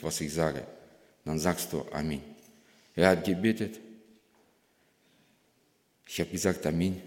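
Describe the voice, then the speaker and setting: Visiting a church as a guest speaker, a man from Kazakhstan in his 40s tells his personal testimony to the congregation. His voice is deep and darkish, with a Russian accent. The large hall he speaks in gives the recording a long, reverberant echo.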